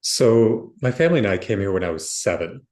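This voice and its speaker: A man's voice: lowish voice, very animated, a little fast, a little mellow. A man from Ukraine, a guest on a podcast, telling his story in an articulate, reflective way. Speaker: guest, software founder. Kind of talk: interview answers.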